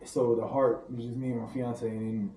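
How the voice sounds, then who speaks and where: A man's voice: mid-range voice, little pitch movement, moderate pace, dark tone, slight background noise. A man from St. Louis, a private chef, chatting casually as a podcast guest, telling loose, laughing, slangy stories. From St. Louis, Missouri. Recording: roomy room, distant mic, faint ambience.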